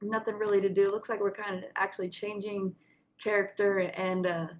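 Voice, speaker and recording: A woman's voice: mid-range voice, little pitch movement, normal speed, low-quality recording. Woman trading coach with slight retainer lisp. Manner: instructive, addressing listeners directly, checking with "right?". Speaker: trading coach hosting a market session. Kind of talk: informal live chart commentary for students.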